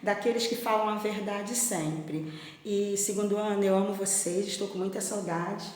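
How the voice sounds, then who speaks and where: Expressive teacher telling a story. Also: female voice, medium pitch, normal speed. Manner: expressive, gentle, asks the children questions. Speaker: primary school teacher. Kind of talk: storytelling for children. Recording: echoey room with long reverb.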